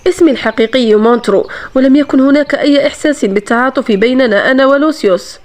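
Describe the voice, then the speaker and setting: A woman's voice: high voice, quick pace, darkish tone, natural voice. A woman reading the part of a proud, bitter young woman in a novel, speaking in a haughty, defiant way.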